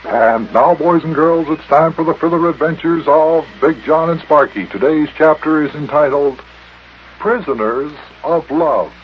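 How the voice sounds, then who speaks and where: A man playing a hearty announcer with a booming kids show opener on an old radio serial. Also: a little slow, close to an everyday voice. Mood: hearty, excited. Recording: dull, noisy old radio recording.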